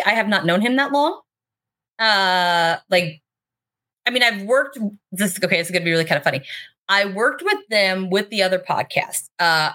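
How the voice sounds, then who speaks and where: A woman chatting informally as a podcast guest, telling stories in an animated, chatty way and swearing freely. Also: on the low side. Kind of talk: casual chat, animated storytelling.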